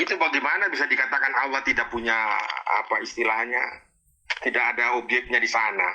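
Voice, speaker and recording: A man's voice: medium pitch, quick pace, pushed and bright, highs cut off. A man explaining Arabic verses word by word in a heated religious debate, challenging and exasperated.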